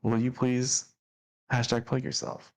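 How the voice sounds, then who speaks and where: Playing dungeon master, a man introduces the players and narrates the scene with upbeat energy, laughing and describing things vividly. His voice is medium-pitched with little pitch movement and a measured pace.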